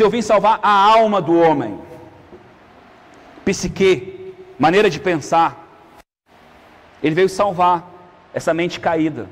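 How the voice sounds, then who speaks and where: Male preacher, high voice, dramatic loud-soft delivery, long church reverb. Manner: calls out to the congregation with repeated "amém, irmão?"; shifts between loud peaks and hushed low asides. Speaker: apostle preaching. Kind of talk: sermon. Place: church hall. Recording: hall reverb.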